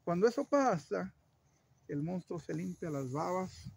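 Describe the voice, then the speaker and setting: A man's voice: high voice, animated, measured pace, vocal fry, slightly rough. A man telling a local legend aloud in a playful, dramatic way with joking asides. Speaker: storyteller.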